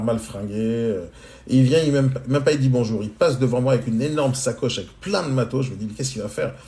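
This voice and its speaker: Brief: quick, animated male storyteller in his forties, slangy and direct, talking to viewers. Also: medium pitch. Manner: animated, colloquial, addresses listener directly. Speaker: entrepreneur answering questions on a live stream. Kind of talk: casual anecdotal storytelling. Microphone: phone mic on a live stream.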